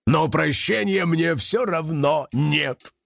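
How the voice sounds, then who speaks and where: A man's voice: fairly high pitch, wildly swooping pitch, moderate pace, vocal fry, fairly bright tone, breathy edge, no echo, studio quality, heavily acted. A man reading a storybook aloud and voicing a sentimental, forgetful old male raven who is a musician, with a theatrical manner. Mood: wistful. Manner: theatrical, sighing, dramatic outbursts.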